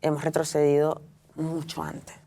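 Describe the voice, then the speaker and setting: A deep, dark voice with vocal fry and a completely flat delivery belongs to a middle-aged Venezuelan author interviewed as a guest; she talks reflectively at a moderate pace, frequently restarting and using fillers. There is slight background noise.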